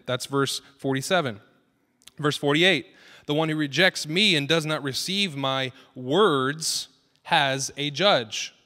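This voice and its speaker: A man's voice: mid-range voice, pushed and bright. A man in his thirties, a pastor giving an earnest, conversational sermon that builds in emphasis. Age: 30s. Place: church sanctuary. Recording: long reverb of a church hall.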